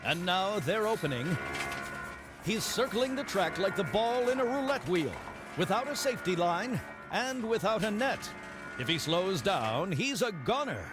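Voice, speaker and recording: A man's voice: sits high, big pitch swings, unhurried, over music. A man narrating a TV segment in a scripted, dramatic announcer style.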